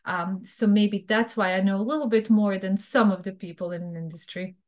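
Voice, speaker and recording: A woman's voice: mid-range voice, steady tone, brisk. A middle-aged woman from Bosnia with a Bosnian accent, speaking frankly and chattily as an interview guest. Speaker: guest, fraud professional. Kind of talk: casual interview talk.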